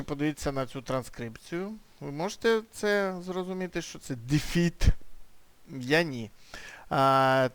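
A man's voice: on the high side, a bit bright, clean tone, no room sound. A young adult man, teaching English vocabulary in an explanatory screen-share lesson, working through examples step by step.

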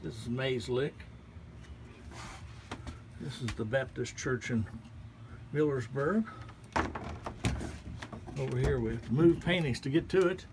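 Against a noisy background, a mid-range male voice narrates unhurriedly and pauses often. He's the artist, casually walking visitors around a small art gallery and indicating the paintings one by one in a folksy, relaxed way. The clip comes from a handheld phone camera.

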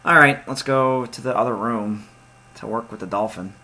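A young let's play gamer jokes his way through a point-and-click game in laid-back commentary, reading the game text aloud with excitable quips. He talks at a moderate pace in a mid-range voice.

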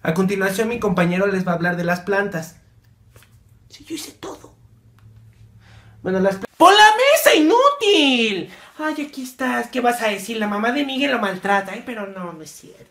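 A woman's voice: medium pitch, animated, quick pace, few pauses, a bit bright. A woman with a Mexican Spanish accent acting out exaggerated comedy sketches, switching between mother and child roles.

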